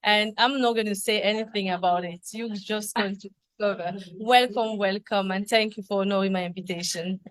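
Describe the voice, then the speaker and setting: A woman's voice: mid-range voice, fairly even intonation, a little fast. A woman with a French accent hosting an interview show, greeting her guest with effusive compliments. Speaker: talk show host.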